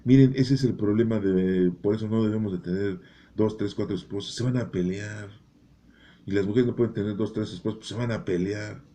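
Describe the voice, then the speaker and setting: A man's voice: on the low side, steady tone, fairly quick, mellow, a little hiss or hum. A man explaining a Bible chapter in a folksy, joking way, often tagging his remarks with a rhetorical question. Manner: folksy, joking, keeps asking "¿no?". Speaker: Bible teacher.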